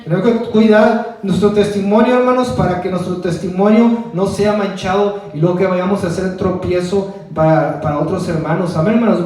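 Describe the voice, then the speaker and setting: A man's voice: high voice, fairly even intonation, a little fast, hardly any pauses, darkish tone. A man preaching at a Bible study and then praying, who keeps addressing his listeners as brothers and calling on the Lord in almost every phrase. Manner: fills nearly every phrase with "hermanos" and "Señor". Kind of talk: evangelical sermon and prayer. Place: church hall. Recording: very echoey room, voice from far off.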